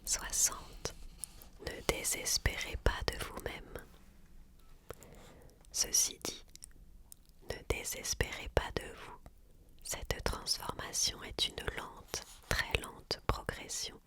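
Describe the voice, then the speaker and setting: This is ASMR book reading: a person whispers the text in hushed library tones, unhurried and deliberate.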